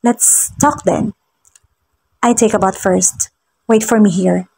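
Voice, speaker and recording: A woman's voice: mid-range voice, fairly even intonation, slow, vocal fry, darkish tone, slight background noise, rough recording. Woman reading as a teasing rich husband. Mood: calm teasing.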